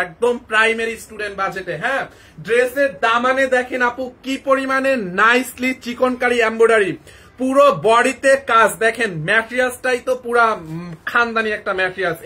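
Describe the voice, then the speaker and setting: A young man from Barisal with a cold, hosting a live clothing sale in an excited, rapid hard-sell patter. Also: very high-pitched. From Barisal, Bangladesh. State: has a cold. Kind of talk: live shopping sales pitch.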